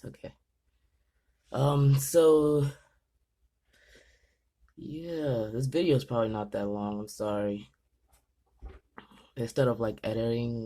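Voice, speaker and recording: Young male vlogger, jittery and chatty, trips over words while setting up a PC; mid pitch. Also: measured pace, vocal fry, pauses often, mellow. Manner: nervous, rambling, stumbles over words. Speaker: gaming channel host. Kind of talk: casual vlog commentary.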